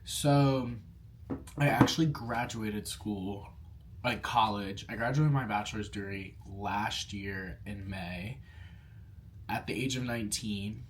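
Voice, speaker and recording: A man's voice: fairly low pitch, slow pace, noisy background. Chatty young man eating on camera. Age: young adult. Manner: chatty, lots of "like" fillers, talks between bites. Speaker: food vlogger. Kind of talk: casual mukbang Q&A while eating.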